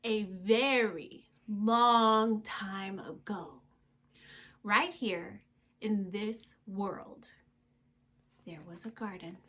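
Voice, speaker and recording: With a mid-range voice, a woman reads a storybook to young listeners in an expressive, emphatic style. Her delivery includes dramatic pauses, and her phrases close on a hushed note.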